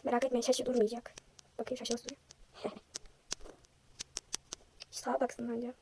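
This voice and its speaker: A young woman vlogger chatting casually while she draws, self-deprecating and thinking aloud, her voice slightly hoarse from a sore throat. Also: a little high, flat delivery, moderate pace, darkish tone, a little hiss or hum. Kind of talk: casual chat while drawing.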